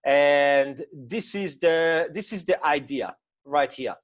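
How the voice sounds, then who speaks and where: A man in his thirties speaks English with a Hungarian accent, coaching informally as he talks through a drawing on a shared screen. His voice sits a little high for a man. He hesitates often, with plenty of fillers and restarts. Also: slow. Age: 30s. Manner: hesitant, many fillers and restarts, non-native grammar. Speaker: mindset coach. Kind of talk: informal talk to camera with screen-share explanation.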